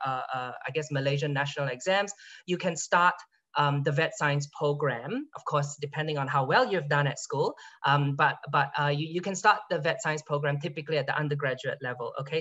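Speaking over a video call from a home room one evening, this thirties-aged lecturer from Singapore chats through an online university info session, frequently starting his sentences over. His voice runs fairly high and has a sharp edge. The audio quality is dull and lo-fi.

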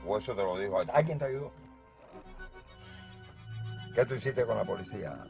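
An actor playing a bossy, mocking gang leader in a Cuban TV police drama, with a Cuban accent. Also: male voice, fairly low pitch, a little fast, gravelly, music in the background. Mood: scolding. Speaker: gang boss.

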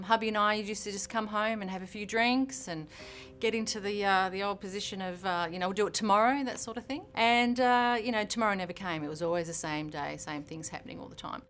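A woman's voice: mid-range voice, fairly bright tone. Australian woman in her forties, rambling. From Perth, Australia. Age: 40s. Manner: conversational, with many fillers. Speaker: interviewee. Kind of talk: interview testimony.

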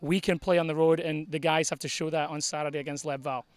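A man in his forties speaks quickly and earnestly into a handheld mic, a little high for a man. He is a head soccer coach talking after a game outdoors at night, with a dry, close sound and no echo. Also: level tone, smooth. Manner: fast, earnest, repeats phrases when starting sentences. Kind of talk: postgame interview. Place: outdoor soccer field at night under floodlights. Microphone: handheld interviewer mic.

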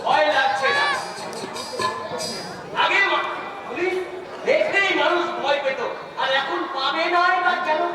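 Male actor as grumbling policeman, hammy folk-stage delivery, very high pitch, echoing hall. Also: exaggerated voice. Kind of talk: Bengali folk theatre (jatra) stage acting. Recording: echoey hall from far off, music, crowd.

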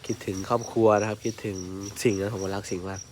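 A man's voice: lowish voice, fast talker, slight background noise. A man, telling a story in casual chat with frequent exclamations. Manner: animated, exclaims often. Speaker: elephant mahout and channel host.

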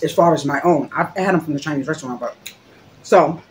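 A woman's voice: low-pitched, a little fast, a little hiss or hum. Chatty woman hosting a mukbang on a phone. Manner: chatty and joking, talks with her mouth full. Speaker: mukbang host. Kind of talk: casual eating-show chat.

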